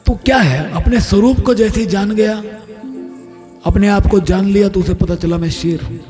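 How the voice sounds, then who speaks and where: A man's voice: sits high, moderate pace, darkish tone, soft background music. A male preacher giving a devotional scripture sermon, explaining by asking and answering his own questions. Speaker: spiritual preacher narrating a scripture discourse.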